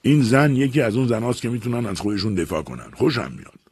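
A man's voice: mid-range voice, expressive, darkish tone, husky, no echo, voice pushed up. A man doing a hearty taxi driver. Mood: admiring. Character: good-natured male taxi driver.

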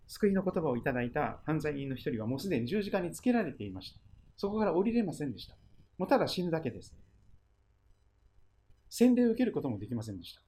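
Husky-voiced pastor preaching softly. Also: mid-range voice. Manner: storytelling, trailing into a hush at phrase ends. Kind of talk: sermon.

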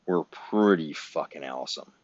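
A man's voice: rumbling low, lively intonation, normal speed, dry recording. A man, ranting bluntly and profanely as a podcast host. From Illinois, US Midwest. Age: 50s. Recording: dull, dry lo-fi recording.

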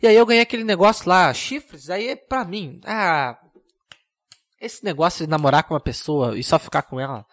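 A young man hosting a comedic solo podcast, rambling and mocking himself in a deadpan way. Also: high voice, moderate pace. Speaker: podcast host.

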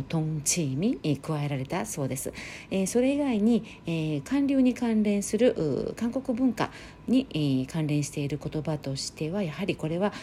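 A middle-aged woman talks alone into her podcast mic, slow to explain and easy in her pauses. Her voice sits low and mellow. A faint hiss of noise runs under her voice. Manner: calm, explanatory, with frequent fillers. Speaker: podcast host. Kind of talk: solo talk show. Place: home near Seoul.

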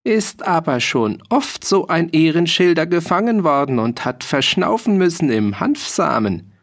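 A man voicing a shrill, scrawny, mocking old male peasant in an audiobook reading. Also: big pitch swings, full character voice. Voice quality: shrill, screeching. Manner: taunting, drawn-out questions.

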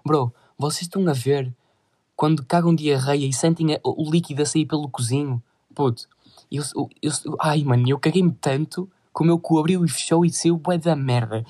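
A man's voice: a little high, normal speed, dark tone. A teenage boy with a European Portuguese accent telling a crude, rambling story in casual slang full of swearing. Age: teens.

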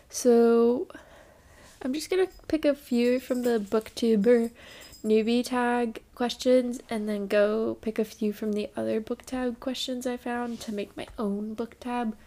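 A young woman hosting a podcast in a rambling, casual chat, sounding congested and stopping often for ums and quick apologies. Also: fairly high pitch, a little mellow. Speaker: podcast host.

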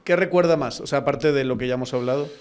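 A man's voice: mid-range voice, fast, clear, resonant tone. A man interviewing a politician, asking questions and often cutting in to steer the talk.

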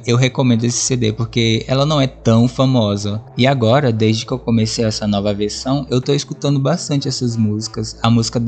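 A man hosting a podcast, chatting casually about his favorite songs as a lively storyteller who acts out his own reactions and swears casually. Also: medium pitch. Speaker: podcast host.

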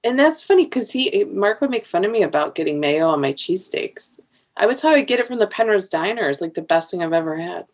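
Woman, husky voice, casual podcast chat, jokey, commiserating. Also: medium pitch, lively intonation. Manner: chatty, quick to joke and commiserate.

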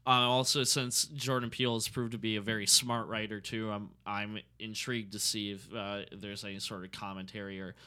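A man's voice: on the low side, little pitch movement, a little fast, few pauses, sharp tone, clear, resonant tone. A man co-hosting a podcast, chatting casually and relaying movie news with an easygoing manner. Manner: easygoing, laughs, stumbles over names. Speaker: podcast co-host. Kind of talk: casual chat, reading news.

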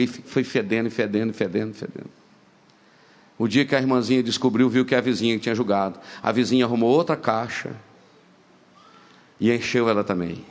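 A male pastor preaching a sermon, reading verses aloud and commenting, calling out to the congregation and telling anecdotes. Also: medium pitch.

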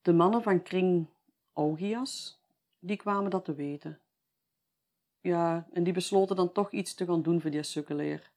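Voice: medium pitch, measured pace, darkish tone. Chatty Flemish storyteller. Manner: chatty, tags sentences with "hè". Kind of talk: folksy oral storytelling.

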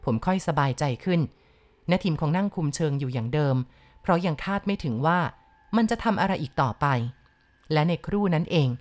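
Slow, low-voiced woman reading a ghost story. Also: darkish tone. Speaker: audiobook reader.

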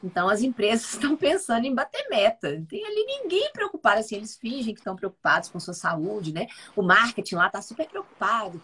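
A woman's voice: a little high, sing-song, quick pace, few pauses, pushed and bright, a little hiss or hum. A woman co-hosting a casual live chat as a nutrition mentor, talking in a chatty, emphatic way and repeating her phrases.

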